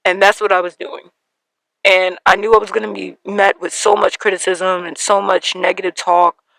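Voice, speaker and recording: A woman in her thirties hosting a podcast, telling a personal story in an emotional, halting way with many fillers and small laughs. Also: mid-range voice, little pitch movement, creaky, a bit bright, dry recording, rough recording. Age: 30s. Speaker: podcast host.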